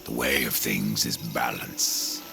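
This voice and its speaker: A man's voice: a bass voice, slow, vocal fry, exaggerated voice. A man voicing Death, a grim, suspicious pale rider in a video game, terse and brooding. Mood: stern, suspicious. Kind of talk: video game cutscene acting. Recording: loud music under the voice.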